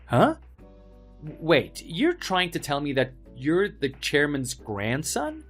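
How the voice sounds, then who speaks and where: An actor playing an arrogant, spoiled young heir who bullies office workers in a dramatized story, with a mocking, pompous manner. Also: male voice, mid-range voice, sing-song, normal speed, soft background music. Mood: shocked, indignant. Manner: mocking, pompous, loud swings of emphasis.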